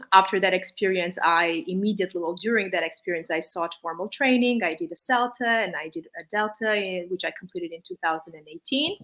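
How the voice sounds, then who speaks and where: Born in Armenia and partly raised in Malaysia, this English teacher is an interview guest answering conversationally in English, her phrasing hesitant and circling. Her voice is on the low side, pushed and bright, and the recording quality is low.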